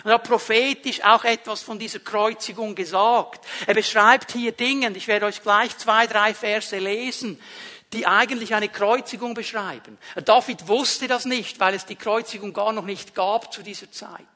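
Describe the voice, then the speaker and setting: A man preaching a sermon, emphatic and building to loud repeated phrases. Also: sits high, fairly even intonation, normal speed.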